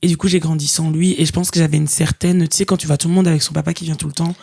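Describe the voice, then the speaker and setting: A woman's voice: low-pitched, fairly even intonation, racing, vocal fry, a little mellow, slightly rough. A woman guest on a podcast, telling a personal story in a frank, chatty way with plenty of fillers. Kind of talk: casual chat, personal storytelling.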